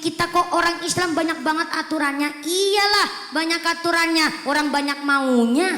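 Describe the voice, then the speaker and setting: High-voiced woman preaching in an echoey hall. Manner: lively, joking preaching mixing in local dialect. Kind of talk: sermon. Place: mosque religious gathering. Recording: echoey hall with long reverb.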